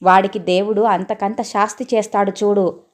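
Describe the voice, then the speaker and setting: A sharp-tongued middle-aged mother in a spoken storybook, voiced by a woman narrator. She scolds loudly and curses at anyone who crosses her. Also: mid-range voice, fairly even intonation, normal speed, close to an everyday voice. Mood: scolding. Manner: loud, scolding, cursing.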